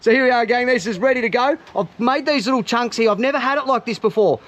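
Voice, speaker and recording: High-pitched Australian man, upbeat vlogger. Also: fast, fairly bright tone, a little hiss or hum. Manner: upbeat, chatty, addresses viewers as gang. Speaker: host of a fishing and cooking vlog. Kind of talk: casual outdoor vlog commentary.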